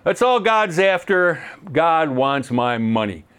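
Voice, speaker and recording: A man's voice: a little high, very animated, slow, a bit bright, smooth, voice pushed up, exaggerated voice. A man voicing a scoffing anti-religious man who grumbles sarcastically about giving money. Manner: sarcastic, mocking.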